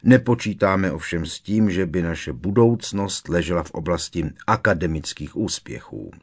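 A man's voice: deep voice, breathy edge. A man doing a cocky teasing prankster boy. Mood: gleeful. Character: cheeky mischievous teenage prankster boy.

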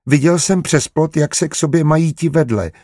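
A man's voice: warm tone, dry recording, clean studio sound. A man voicing a small, curious, insistent boy in a storybook reading. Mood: pleading, insistent. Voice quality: raised childlike pitch.

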